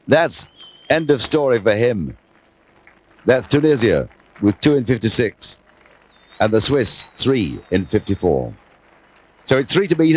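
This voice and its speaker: A man commentating live on a team game show, excitable and playful, breaking into quoted verse. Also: mid-range voice, slight background noise. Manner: excitable, quoting verse, mock French asides. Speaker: TV sports commentator.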